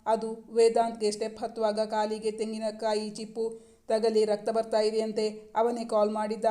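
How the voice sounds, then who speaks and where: A woman voicing a calm older mother-in-law who soothes and gently teases her daughter-in-law, in an even, mellow tone. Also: fairly high pitch, close to an everyday voice.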